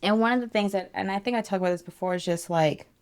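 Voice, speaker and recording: A woman in her thirties talking openly to camera in a casual vlog. She is animated and emotional and sometimes drops to a hushed voice to calm herself. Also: mid-range voice, fast talker, smooth. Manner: animated and emotional, self-soothing in hushed tones. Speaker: vlogger and business coach.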